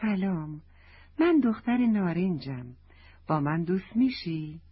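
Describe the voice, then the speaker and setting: Gentle orange-fruit girl spirit, played by a woman, soft and breathy, lo-fi. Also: lowish voice, expressive.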